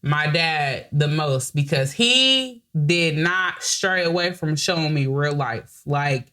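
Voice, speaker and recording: A woman's voice: deep voice, animated, takes it slowly, bright, forceful tone. A woman co-hosting a podcast, telling a personal family story in a candid, emotional way with many restarts and the odd swear word. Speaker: podcast co-host.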